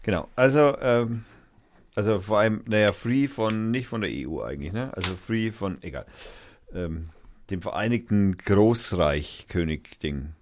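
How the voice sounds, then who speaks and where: A man's voice: fairly low pitch, expressive, moderate pace, a little mellow, slight background noise. A man hosting a casual radio show, announcing songs in a rambling way as he searches for words and corrects himself. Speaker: radio host.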